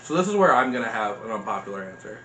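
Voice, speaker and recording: A man's voice: on the low side, sing-song, rapid-fire, sharp tone. A man in his thirties chatting casually as co-host, blunt and opinionated, swearing freely. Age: 30s. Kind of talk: casual chat. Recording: echoey room with faint noise.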